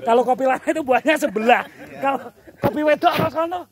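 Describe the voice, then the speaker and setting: Guy w high voice, javanese accent, chatty vlogger outside asking lots of questions, repeats answers. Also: fast talker, crowd noise. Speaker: vlog host asking locals questions. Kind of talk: casual outdoor vlog chat. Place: outdoors on a rural coffee-growing hillside.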